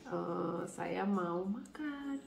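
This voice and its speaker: A woman's voice: fairly low pitch, animated, extremely slow, gravelly, darkish tone. A woman with a blocked, nasal voice from a cold, chatting casually as a vlogger while she eats. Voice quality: congested, stuffy-nosed nasal voice. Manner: chatty, colloquial, often speaking between bites. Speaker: vlogger, channel host. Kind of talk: casual chat while eating, mukbang vlog. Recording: roomy echo, faint background noise.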